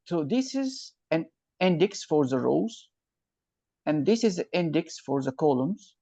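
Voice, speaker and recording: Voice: medium pitch, mellow, no echo. A computer science tutor on a video call, captured as a screen recording, who patiently walks through each loop step and checks that the student follows. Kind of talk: step-by-step online lesson. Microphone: computer mic on a video call. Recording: dull, dry video-call audio.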